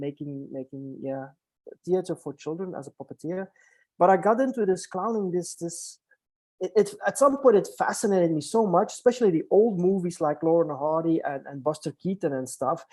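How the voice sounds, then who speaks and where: A man's voice: a little high, darkish tone. A middle-aged man from Belgium, a guest in an interview, speaking casually with frequent restarts. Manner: hesitant, many restarts and fillers, laughs easily. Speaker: guest, hospital clown and coach.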